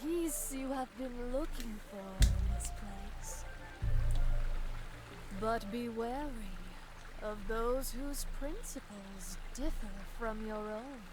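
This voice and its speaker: A high-pitched female fortune teller from a video game. She speaks slowly and grandly, with mystical, archaic flourishes, over music. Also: rough recording. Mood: mystical, grandiose. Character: theatrical female fortune teller, secretly a scolding groundskeeper. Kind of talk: video game character acting.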